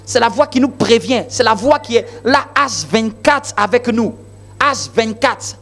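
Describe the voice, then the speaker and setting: A man's voice: very high-pitched, a little slow, fairly bright tone, soft background music. A male pastor delivering a sermon in an emphatic, repetitive preaching style full of rhetorical questions.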